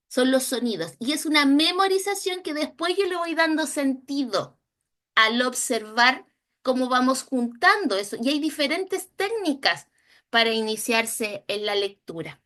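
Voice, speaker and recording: A Chilean woman teaching a recorded training lesson on early reading, slowly sounding out letters and syllables. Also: high-pitched, fairly bright tone. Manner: slow, drawn-out modeling of sounds and syllables. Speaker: instructor.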